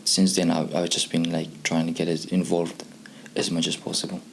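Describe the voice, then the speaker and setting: A youth programme participant in his twenties from Pakistan, not a native English speaker, casually tells his story. His voice is deep with vocal fry and a completely flat delivery at a moderate pace, and a little hiss or hum is audible.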